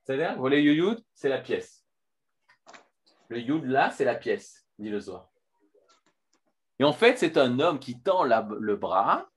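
A man teaching a filmed Torah lesson, lively, with many restarts and fillers. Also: medium pitch, measured pace, pauses often.

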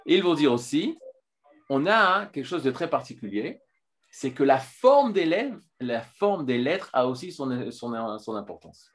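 A man teaching a filmed Torah lesson, lively, with many restarts and fillers. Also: medium pitch, measured pace.

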